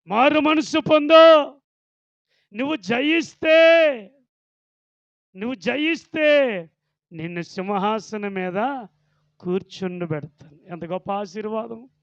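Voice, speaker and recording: Man preaching, high-pitched voice, loud warnings and hushed asides, dull lo-fi sound, dry. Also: no room sound. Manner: fervent preaching, swinging from loud warnings to low murmurs. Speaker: pastor. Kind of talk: sermon.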